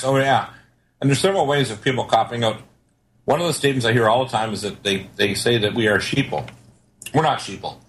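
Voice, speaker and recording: A man's voice: medium pitch, fairly bright tone. An older man delivering a paranoid, conspiracy-minded rant as a talk show guest, emphatic and certain as he lectures at length. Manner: paranoid, ranting. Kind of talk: long conspiracy-minded monologue. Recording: clearly noisy background.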